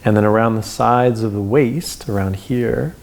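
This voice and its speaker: A male yoga instructor leads a breathing practice in a low, very relaxed voice with a creaky grain. His delivery is calm and measured, laying out each step in short cues and leaving pauses between them.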